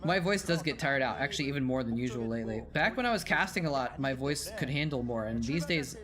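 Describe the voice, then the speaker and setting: A mid-range male voice with lively intonation and a quick pace carries this casual live stream over old matches. The speaker, a former game caster, sounds worn out from hours of talking; he rambles, corrects himself, and reads chat messages aloud before replying.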